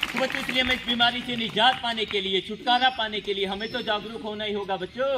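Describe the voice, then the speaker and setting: A man performs as a stage magician at a school event, giving magic show patter for schoolchildren: lively, repetitive storytelling, with constant address to the children. His voice is high-pitched and he talks fast, in a noisy school show recording.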